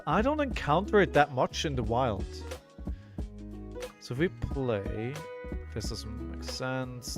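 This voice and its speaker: Hoarse man streaming over a headset. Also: medium pitch. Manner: halting, repeats words, thinks aloud. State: hoarse, coughing. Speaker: card game streamer. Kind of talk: casual live gameplay commentary.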